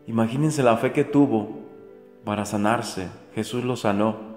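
A man's voice: lowish voice, unhurried. A man preaching a daily gospel reflection, earnest and repetitive, asking the faithful rhetorical questions again and again. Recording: echoey room with soft music.

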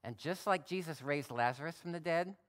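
A male pastor giving a sermon, reading scripture aloud and adding relaxed, folksy asides. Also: fairly high pitch, brisk. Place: church.

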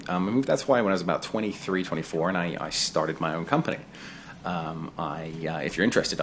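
Man, 30s, raised in England: low-pitched, conversational gameplay commentator who wanders into chatty asides. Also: a bit bright, a little hiss or hum. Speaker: gaming video creator. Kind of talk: casual voice-over commentary on gameplay.

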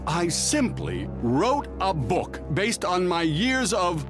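A man voicing a smug, scheming middle-aged businessman supervillain in a cartoon, with slow theatrical salesman's patter and villainous menace. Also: high-pitched, very animated, over music, heavily acted. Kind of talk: animated cartoon voice acting.

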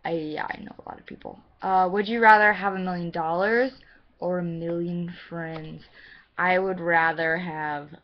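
A woman's voice: fairly low pitch, steady tone, normal speed. A nineteen-year-old American woman from Missouri chatting casually to camera in a rambling, self-deprecating way, recorded on a webcam at home. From Missouri, United States. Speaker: vlogger answering a questionnaire. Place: room in a house. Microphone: webcam microphone. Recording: dull lo-fi webcam audio.

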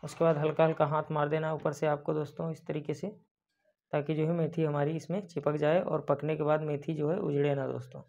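A man's voice: a little high, flat delivery, a little fast, gravelly, a little mellow. Young man talking through a baking tutorial. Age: young adult. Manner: addresses viewers as friends constantly, step-by-step instructions. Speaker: baker and cooking channel host. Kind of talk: cooking tutorial voice-over. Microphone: lapel mic. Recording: dull lo-fi sound.

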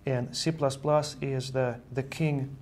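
Speaking slowly, with fairly even intonation and a slightly mellow mid-range voice, a software engineer from Estonia in his thirties earnestly answers questions as a studio interview guest. The virtual news-style set carries a little hiss or hum, and he tends to repeat words as he explains.

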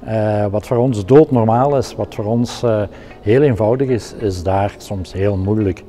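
A man's voice: on the low side, a little slow, mellow, faint music behind. A middle-aged man with a Flemish accent, a technical production director explaining his work in a practical, hesitant way with many fillers.

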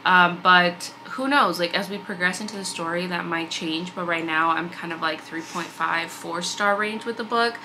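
A young woman, a book vlogger, chats casually about books in a reading vlog, her voice slightly congested from allergies and peppered constantly with "like" and "um." She speaks at a moderate pace in a fairly low pitch with few pauses. She's filmed by a fixed camera at desk distance in an indoor room with bookshelves, with background noise present.

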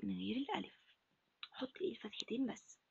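A woman teaching Arabic to first graders in an Egyptian accent, asking questions and answering them herself in a breathy, half-whispered voice. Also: fairly high pitch, very fast, no room sound, muffled recording. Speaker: primary school Arabic teacher. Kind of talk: recorded lesson for first graders.

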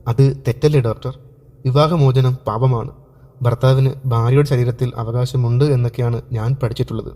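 A man voicing a frightened young woman, an abused wife, who speaks softly and haltingly. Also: medium pitch, fairly even intonation, natural voice. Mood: fearful, subdued. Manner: soft, subdued, halting.

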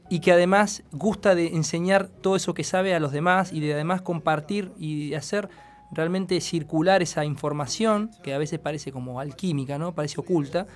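An Argentine-accented man talks as a guest in a casual radio interview, earnest and wordy, on a close studio mic. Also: on the high side. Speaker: guest musician. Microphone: close studio microphone. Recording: faint music behind.

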